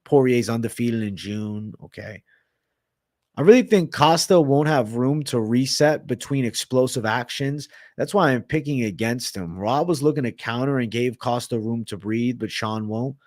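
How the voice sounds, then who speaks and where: A man's voice: medium pitch, moderate pace, a little mellow, dry recording, studio quality. Blunt, casual man on a livestream. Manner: blunt, casual, swears freely. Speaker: livestream host.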